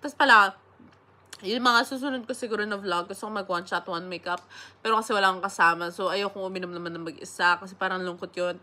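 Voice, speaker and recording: Young Filipino woman, bright voice, sick, rambling casual vlog chat with frequent swearing. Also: lowish voice. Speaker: vlogger.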